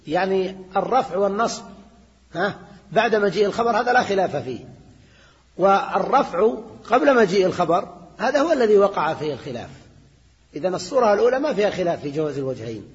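A man's voice: high-pitched, very animated, fast talker, long pauses. An older man giving a classroom grammar lecture, explaining and repeating points and often checking in with his students. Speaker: teacher of Arabic grammar. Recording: dull lo-fi recording in a reverberant hall.

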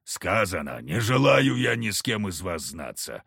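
A man's voice: deep voice, very animated, a little slow, gravelly, fairly bright tone, husky, no echo, studio quality, full character voice. A man growling as a sullen hunter. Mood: angry. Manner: grumbling, curt. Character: gruff sullen big male village hunter.

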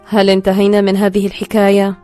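A woman's voice: mid-range voice, monotone, fast, mellow, faint music behind, lightly acted. A woman reading the part of a man who speaks dryly and curtly. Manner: dry, curt. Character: man, dry, curt go-between husband.

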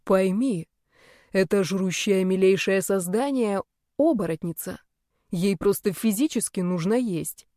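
A woman voicing a teasing, self-assured young male nobleman in an audiobook, speaking calmly with lazy amusement. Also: medium pitch, unhurried, no echo, clean studio sound, natural voice. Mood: amused. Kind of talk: audiobook character reading.

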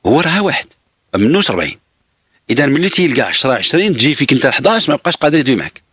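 A Moroccan man hosts a call-in show, speaking fast with a lively, rising and falling voice. His tone is husky and the sound is close and dry, and he explains things patiently and reassuringly. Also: medium pitch, dry recording. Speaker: radio advice host. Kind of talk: radio call-in advice.

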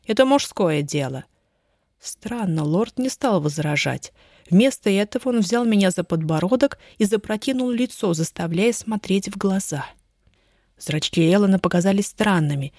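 A woman narrating a first-person fantasy audiobook in an expressive reading voice. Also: medium pitch, slightly rough, no room sound, clean studio sound.

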